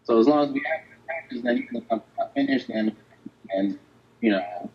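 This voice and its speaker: A man's voice: medium pitch, expressive, moderate pace. A man on a fighting-game panel talking over an online call that breaks up and cuts out, rambling and trailing off as he restarts his thoughts. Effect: choppy call audio that breaks up and cuts out. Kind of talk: casual panel discussion. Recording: dull lo-fi online call line.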